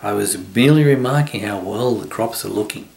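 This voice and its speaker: A man's voice: fairly low pitch, fairly quick, vocal fry, darkish tone, echoey room. An older man voicing a friendly, hearty male penguin. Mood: smooth.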